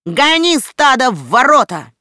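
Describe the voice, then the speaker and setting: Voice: sits high, sing-song, measured pace, sharp tone, no echo, studio quality, voice pushed up, heavily acted. The audiobook reader voicing a defiant boy raised by wolves who gives orders and mocks his attackers. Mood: scornful.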